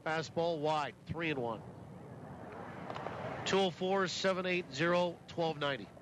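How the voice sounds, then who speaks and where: Male sports broadcaster for live baseball radio, slightly high voice, measured commentary, audible open-air ambient noise. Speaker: baseball radio play-by-play announcer. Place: outdoor ballpark broadcast booth. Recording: clear outdoor ambient noise.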